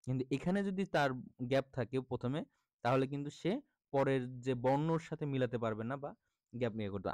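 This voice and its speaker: A man's voice: medium pitch, a little mellow, clear, resonant tone, no room sound. A man teaching, patiently explaining a reading assessment and sounding out letters one by one. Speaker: primary school teacher.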